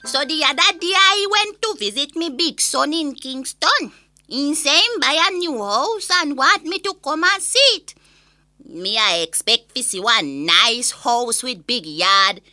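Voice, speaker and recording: Casting: woman as opinionated Jamaican granny, high and very sharp voice, indignant gossipy comic monologue. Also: unhurried, no room sound, studio quality, exaggerated voice. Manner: gossipy, exasperated, animated storytelling. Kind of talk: comic monologue rant in an audio story.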